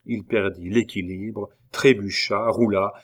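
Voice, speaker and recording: Low-voiced male audiobook reader. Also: steady tone. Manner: measured and dramatic. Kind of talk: scripted narration.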